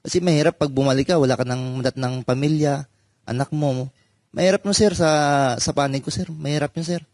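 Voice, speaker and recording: A man, a discharged marine, giving a halting personal account in an interview, with many restarts and sir after nearly every phrase. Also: fairly high pitch, a little mellow, no echo.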